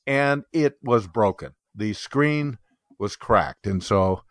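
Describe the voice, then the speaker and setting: A man's voice: lowish voice, animated, slow, dry recording, studio quality. A man co-hosting a podcast, casually telling a story and acting out the voices of both sides. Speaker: podcast co-host. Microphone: podcast mic.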